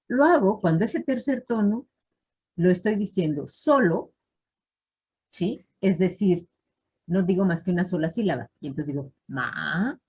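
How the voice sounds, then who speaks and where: A woman's voice: mid-range voice, mellow, husky. Patient woman teaching tones. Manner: patient, checks in with students often. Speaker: language teacher. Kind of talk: live class explanation. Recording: dull lo-fi online class audio.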